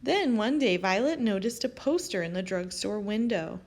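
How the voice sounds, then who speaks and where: A woman reading a children's picture book aloud as an expressive storyteller. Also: mid-range voice, normal speed. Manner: expressive, animated storytelling with acted character lines. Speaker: storybook reader.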